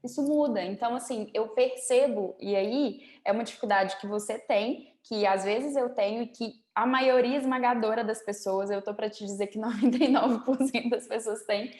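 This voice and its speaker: A woman's voice: fairly high pitch, moderate pace, hardly any pauses, darkish tone, echoey room. A woman hosting a productivity interview, explaining and advising in a chatty way over a video call. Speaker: host. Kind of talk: interview host chat.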